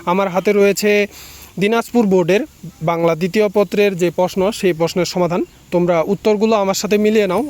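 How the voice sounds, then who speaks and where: A young man tutoring students, briskly walking through exam answers one by one. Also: high-pitched, a little mellow. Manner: brisk, lists answers in quick runs.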